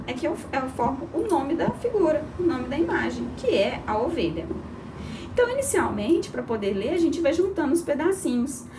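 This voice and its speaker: A woman teaching young children to read, her fairly high voice swooping up and down as she coaxes them along. She breaks words into syllables slowly and clearly. She sits a bit back from the mic, with a faint hum of room noise behind her. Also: recorded from a distance. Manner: lively and encouraging, spells out syllables slowly. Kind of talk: early literacy lesson for children.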